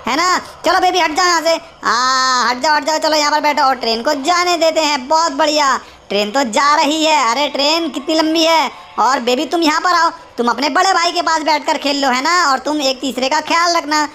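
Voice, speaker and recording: Woman, high voice, narrates toy play playfully and talks to the toys; slight background noise. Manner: animated, scolding and coaxing toys.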